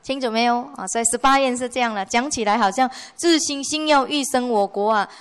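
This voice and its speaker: A woman's voice: on the high side, a little fast, clean tone. A Buddhist nun giving a conversational dharma lecture in a monastery hall, slipping in English words and often asking her listeners whether they follow. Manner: conversational, mixing English words, frequent rhetorical checks.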